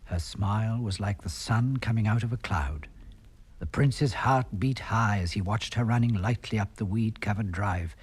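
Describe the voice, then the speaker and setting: A man narrating a fairy tale on a vintage storybook record, with warm, expressive delivery. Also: lowish voice, normal speed, husky.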